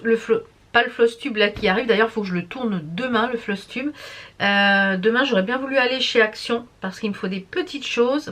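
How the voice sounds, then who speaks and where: A woman's voice: a little high, a bit bright. A tired woman chatting casually to camera as a vlogger, rambling and stumbling over her words. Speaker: beauty and embroidery vlogger.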